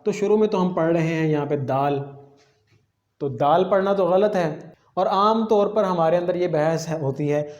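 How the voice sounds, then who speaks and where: A man with a fairly high voice teaches the correct articulation of letters step by step. He repeats each sound slowly and checks that listeners follow. The room gives his voice a noticeable echo. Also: darkish tone, highs cut off. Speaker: Quran pronunciation teacher. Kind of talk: patient step-by-step lesson.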